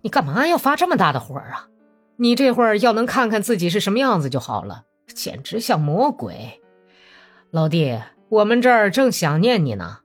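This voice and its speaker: A smooth, sly Cossack commander, performed by a woman narrator in a novel reading, coaxing his comrade along. His delivery rises and falls in a lively, persuasive way. Faint music hums underneath. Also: medium pitch, normal speed. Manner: cajoling, persuasive.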